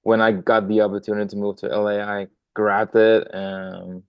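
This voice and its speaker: On a podcast, a young Danish drummer gives casual interview talk, rambling warmly with frequent ums and restarts. His lowish voice is clear and resonant, with a level tone and moderate pace. There is no echo, but the sound is lo-fi.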